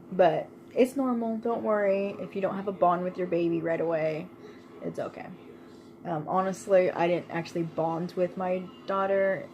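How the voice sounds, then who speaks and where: A woman's voice: lowish voice, a little mellow, slight background noise, rough recording. A young woman vlogger telling a personal story in a casual, chatty way, laughing often and using lots of fillers.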